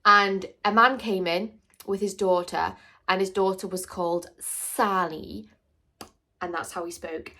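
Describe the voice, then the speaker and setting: A woman's voice: medium pitch, steady tone, unhurried, pushed and bright. A young woman chatting casually to camera in a rambling, jokey Q&A. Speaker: vlogger.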